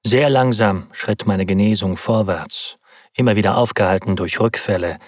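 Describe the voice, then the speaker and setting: A man narrates a classic novel in first person, his lowish voice carrying a husky, breathy grain. The delivery is measured and dramatic, close-miked and completely dry. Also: no echo. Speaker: audiobook narrator.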